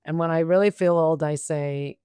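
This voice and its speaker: A woman's voice: sits low, fairly even intonation, moderate pace, mellow, smooth, no room sound. Give me a woman podcast host making casual, joking chat, recorded dry. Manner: chatty, joking asides.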